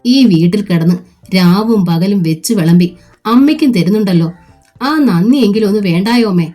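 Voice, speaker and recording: A woman's voice: medium pitch, animated, moderate pace, warm tone, soft background music, close to an everyday voice. A woman reading a novel aloud, voicing a blunt, indignant young sister-in-law who asks pointed questions. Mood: reproachful.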